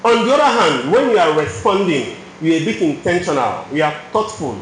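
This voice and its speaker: A man's voice: on the high side, very animated, brisk, a bit bright, a little hiss or hum. A man with a Nigerian accent preaching a sermon in a church hall, telling a personal story and often adding "you know".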